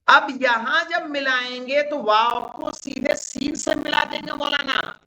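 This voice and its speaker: A man whose first language is Urdu, teaching an Arabic grammar class, reading Arabic phrases slowly and translating them, with frequent check questions to students. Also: very high voice, fairly even intonation, bright, forceful tone, rough recording. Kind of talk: classroom lesson.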